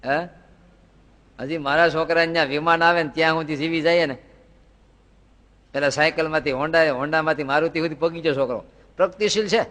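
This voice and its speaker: A man's voice: on the high side, steady tone, fairly quick, long pauses, a bit bright. A man giving a devotional sermon, asking rhetorical questions and telling folksy anecdotes. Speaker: spiritual teacher. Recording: long reverb in a hall.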